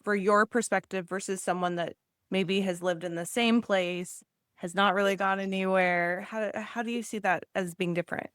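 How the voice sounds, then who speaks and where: A woman's voice: medium pitch, steady tone, moderate pace, fairly bright tone, clear, resonant tone, no echo, clean studio sound. Upbeat woman podcast host. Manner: upbeat and enthusiastic. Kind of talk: scripted intro then interview chat.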